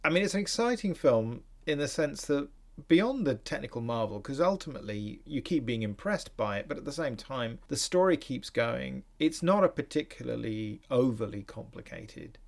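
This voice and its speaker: A man's voice: mid-range voice, animated, moderate pace, few pauses. A man hosting a podcast, talking through a film in an analytical, musing way with frequent restarts. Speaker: podcast host. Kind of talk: casual film discussion.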